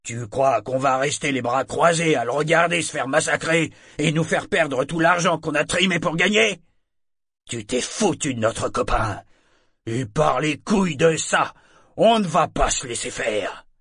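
A man's voice: mid-range voice, sing-song, a little slow, fairly bright tone, husky, dry recording, clean studio sound, pitched above the performer's own voice, full character voice. A man voicing a brutish, bullying sailor who talks coarsely and menacingly.

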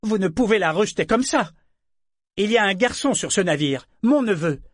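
A man's voice: sits high, lively intonation, moderate pace, dry recording, studio quality, voice pushed up. A man doing a proud, outspoken young merchant woman. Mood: indignant. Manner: raised, urgent pleading.

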